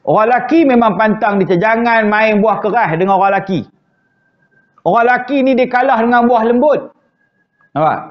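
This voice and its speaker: A man's voice: sits high, moderate pace, dull audio. A Malaysian man teaching an evening mosque lecture in a joking, conversational way, often acting out quoted wives. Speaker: religious teacher. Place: prayer hall.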